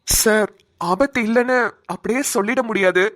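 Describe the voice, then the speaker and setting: A woman voicing a hospital doctor in a cartoon who calmly explains and soothes a worried relative. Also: fairly high pitch, normal speed, natural voice. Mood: calm explaining. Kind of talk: cartoon voice acting.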